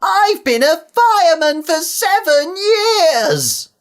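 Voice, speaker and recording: A man voicing a panicked railway fireman who yells a high, strained cry in a storybook tale. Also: big pitch swings, takes it slowly, full character voice. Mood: frantic. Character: panicked young male railway fireman, frantic.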